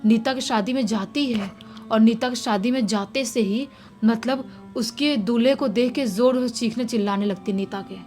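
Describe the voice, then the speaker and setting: A woman casually retelling a subscriber's horror story in a lively way, acting out the shouted quotes. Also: on the high side, normal speed. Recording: faint music underneath.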